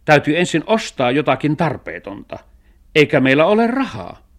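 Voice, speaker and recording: A man voicing a thrifty, sensible male cat in a children's radio story, talking in a dry, reasoning way with a sharp tongue. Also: mid-range voice, big pitch swings, pitched above the performer's own voice. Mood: grumbling.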